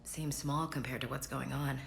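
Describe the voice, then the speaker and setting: An actress playing an earnest, proud and grieving female soldier in a video game, with a slightly gravelly voice. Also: very deep voice, steady tone, moderate pace, a little hiss or hum. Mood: subdued, sincere. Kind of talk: video game dialogue acting.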